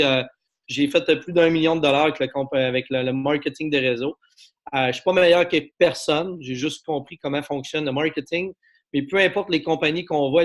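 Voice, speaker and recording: Man, Québécois French accent, fairly high voice, persuasive sales pitch, lots of fillers and rhetorical questions. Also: a bit bright. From Quebec. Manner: persuasive, asks the audience for agreement, many fillers. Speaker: network marketing presenter. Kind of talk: sales pitch to an online audience.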